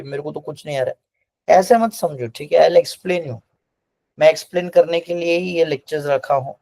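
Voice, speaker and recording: A man's voice: on the high side, vocal fry. A man with an Indian accent teaching a class, mixing Hindi and English and cheering on his students. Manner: lively, praising students, Hindi-English mix. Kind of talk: classroom lecture.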